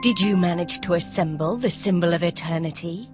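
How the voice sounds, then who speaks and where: A woman playing a cold, commanding snow sorceress in a storybook game, with an imperious, measured way of talking. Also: fairly low pitch, over music, lightly acted. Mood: haughty.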